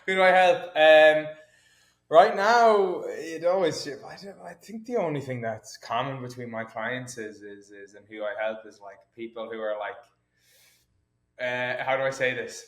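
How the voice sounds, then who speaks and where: Recorded in an echoey, roomy space, this podcast guest is a male fitness coach in his 20s. He speaks at a medium pitch and an unhurried pace, rambling through the casual chat with plenty of laughter and self-mockery.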